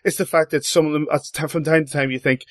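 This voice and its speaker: A man hosting a hockey talk show, animated and swooping up in pitch on his points. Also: quick pace, no echo, studio quality. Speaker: host. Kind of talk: casual sports chat.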